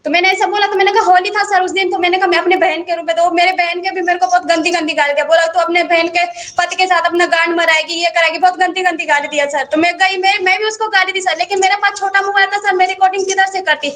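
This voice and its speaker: A woman with a very high, piercing voice pours out her account at a rapid clip. She speaks in an urgent, pleading way and keeps calling the interviewer sir. It is an emotional interview, not a prepared speech. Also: steady tone, a bit bright. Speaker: interviewee, wife of the man who ran off. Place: remote interview from far away.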